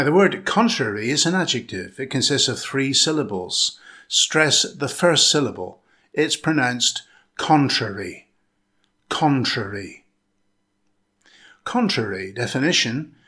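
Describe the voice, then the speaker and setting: A man reads a scripted English pronunciation lesson with a bright, forward tone. His pitch moves up and down a lot, and he spells out every word with careful, clear enunciation. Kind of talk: scripted instructional narration.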